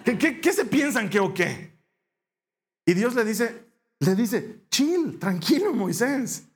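A middle-aged man with a Bolivian Spanish accent preaches in a fairly high voice. He retells scripture as a story, slipping into the characters' lines with big swings of pitch. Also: big pitch swings, slow, a little hiss or hum. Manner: storytelling, acts out dialogue with shifting pitch. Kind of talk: sermon.

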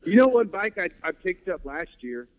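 A man's voice: high voice, sing-song, moderate pace. A laid-back man chatting casually, who swears easily and keeps saying dude and man. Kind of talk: casual chat. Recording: dull lo-fi audio.

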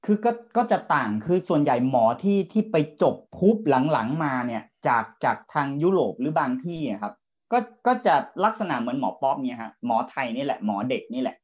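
A man's voice: mid-range voice, sing-song, fairly quick. A man in a panel talk, speaking hesitantly and repeating words as he thinks. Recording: dull lo-fi remote audio.

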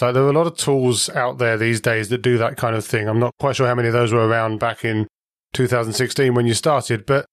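A man's voice: mid-range voice, no echo, clean studio sound. A man hosting a podcast, reading a playful scripted intro and then asking questions in a joking way. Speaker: podcast host.

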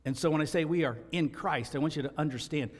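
A man's voice: fairly high pitch, fast talker, husky. A man preaching a sermon as pastor, earnest and emphatic, repeating key phrases for stress. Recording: long reverb of a large hall.

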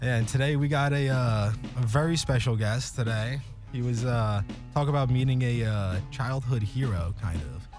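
A man's voice: medium pitch, normal speed, hardly any pauses, music in the background. A man hosting a podcast in a casual, informal and somewhat hesitant way. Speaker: podcast host. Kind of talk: casual chat.

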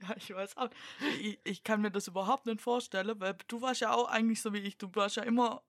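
A woman's voice: medium pitch, fairly even intonation, no room sound. Playful woman co-host with a dry sound. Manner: playful, quick reactions, mixes in English phrases. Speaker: podcast co-host. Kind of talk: casual chat.

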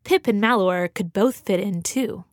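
A woman reading a children's story aloud with gentle, expressive storytelling. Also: medium pitch, moderate pace, no room sound, studio quality. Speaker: narrator. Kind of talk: scripted children's story narration. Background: music for children.

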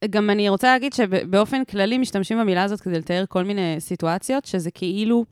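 A woman's voice: medium pitch, smooth, no echo, studio quality. A woman co-hosting a casual podcast with an Israeli accent, saying foreign words in an American accent. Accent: Israeli, with foreign words pronounced in an American accent. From grew up in an American household. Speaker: podcast co-host. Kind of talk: casual conversational podcast chat.

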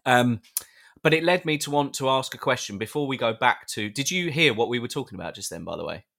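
A man's voice: mid-range voice, expressive, fast talker, gravelly, fairly bright tone. A British man co-hosting a live podcast, chatting casually and playfully with listeners, often restarting his sentences. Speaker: podcast co-host.

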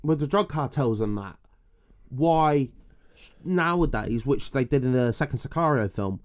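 A man's voice: medium pitch, expressive, normal speed. A man chatting casually and bluntly, swearing and telling anecdotes with reported quotes. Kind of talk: casual chat.

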